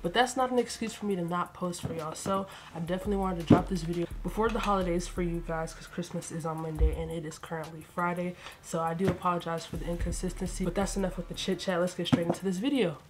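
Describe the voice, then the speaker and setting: A young adult woman unboxes sneakers as a vlogger in her bedroom lined with shoe shelves, talking in a laid-back, chatty, slangy way. She sounds a bit congested, with a lowish, steady voice that moves quickly with hardly any pauses, over heavy background noise.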